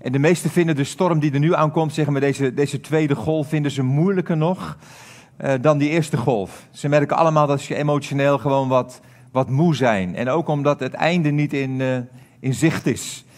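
A man's voice: on the high side, normal speed, a little mellow. Earnest Dutch-speaking male pastor preaching. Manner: earnest, hesitant with many fillers. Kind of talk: sermon.

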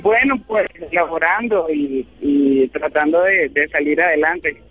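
Venezuelan man calling in, halting. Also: fairly high pitch, husky, soft background music. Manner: hesitant, halting, many fillers. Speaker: caller. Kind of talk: radio call-in chat. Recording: dull phone-line call.

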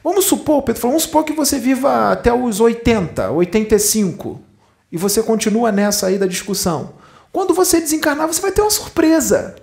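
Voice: medium pitch, lively intonation, fairly quick, creaky, darkish tone. A spiritist lecturer with a Brazilian Portuguese accent, telling a story in a conversational way and acting out the dialogue in different voices.

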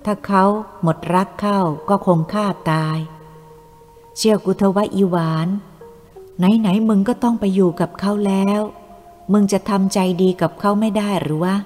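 A woman's voice: medium pitch, fairly even intonation, moderate pace, close to an everyday voice. A woman voicing a cruel male traitor who threatens and bullies in a coarse, heavy way. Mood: coaxing, coarse. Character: cruel male traitor, Thai collaborator, menacing. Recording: reverberant room with soft music.

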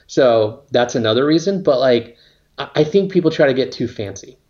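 A man's voice: mid-range voice, lively intonation, normal speed, darkish tone. Rambling man on lo-fi audio. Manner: rambling, filler-heavy, swears casually. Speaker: company co-founder. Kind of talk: casual interview talk.

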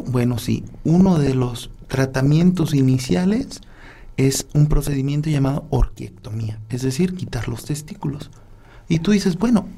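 A man's voice: fairly high pitch, warm tone. A man, a urologist guest, explaining medical matters patiently. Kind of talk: explanatory conversation.

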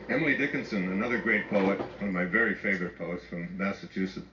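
Older man speaking in an echoey hall. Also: fairly quick. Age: 70s. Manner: storytelling, rising high when mimicking his daughters. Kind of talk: inspirational talk. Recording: echoey, distant, muffled with noise.

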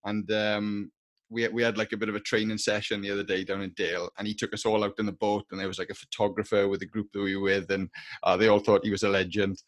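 A man with a strong South Wales accent hosting a podcast in a casual, informal, halting way. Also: fairly low pitch, flat delivery. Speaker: podcast host. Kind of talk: casual chat, interviewing.

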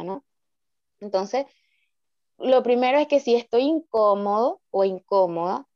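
A woman's voice: mid-range voice, a little mellow, no echo. Reflective woman, dull dry sound. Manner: reflective, acts out inner thoughts in quotes. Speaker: therapist guest. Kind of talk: calm explanatory podcast talk.

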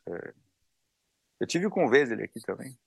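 A man's voice: medium pitch, sing-song, normal speed, gravelly, husky, no room sound. A man speaking as a podcast guest, chatting casually and reflectively over a remote call from his home. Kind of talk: casual chat.

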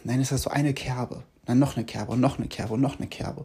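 Gravelly-voiced man giving earnest coaching advice. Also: mid-range voice, fairly even intonation, warm tone. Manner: earnest, emphatic, slows down to stress key advice. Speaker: self-confidence coach, podcast host. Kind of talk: motivational coaching monologue.

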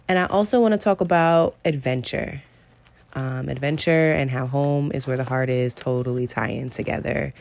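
Chatty low-voiced woman podcaster. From San Francisco Bay Area. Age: late 20s. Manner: chatty, informal, uses slang. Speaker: podcast host. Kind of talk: casual solo podcast chat.

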